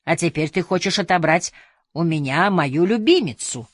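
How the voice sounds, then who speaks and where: A woman voicing a secretive, cruel old madam with a grating, gravelly voice and a mocking, reproachful manner. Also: lowish voice, lively intonation, normal speed, no room sound, clean studio sound.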